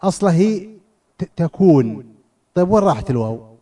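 A man teaches a lesson on scripture and grammar in a fairly high but mellow voice. He asks his students questions, repeats phrases to drive them home and often restarts his words. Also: big pitch swings, brisk. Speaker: teacher of Quranic exegesis and grammar. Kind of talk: classroom lesson.

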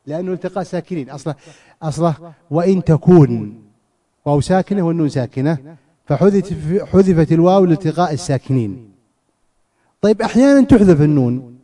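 A man's voice: fairly high pitch, warm tone. A man teaching a classroom lesson on scripture and grammar. He asks his students questions, repeats phrases and often restarts his words. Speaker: teacher of Quranic exegesis and grammar.

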